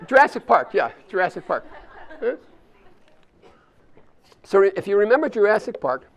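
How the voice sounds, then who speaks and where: Older guy with a gravelly, fairly high voice, chatty leadership talk to a crowd, lots of restarts. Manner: chatty, repeats and restarts, leads the audience through a hands-on exercise. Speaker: speaker at an alumni volunteer summit. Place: university event space with a live audience.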